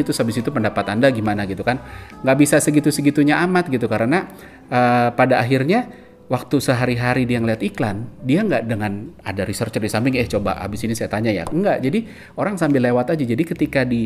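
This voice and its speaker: A man's voice: mid-range voice, a little mellow. Man, podcast host, casual explainer, fillers and restarts, faint music behind. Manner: loose, conversational, many fillers and restarts.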